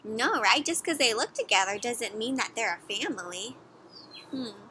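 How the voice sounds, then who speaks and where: Outdoors in a garden or yard, a young woman with a high, bright voice reads a picture book to kids at a normal speed. She asks lively, teacherly questions and treats the children like friends, and there's a little hiss or hum in the audio.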